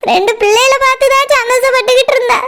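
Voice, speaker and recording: A woman's voice: very high-pitched, steady tone, fast talker, pushed and bright, exaggerated voice. A woman voicing a weeping young cartoon mother. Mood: tearful, pleading. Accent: Kanyakumari Tamil. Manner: weeping, pleading and fretful. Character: distraught young mother searching for lost children. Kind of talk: cartoon voice acting.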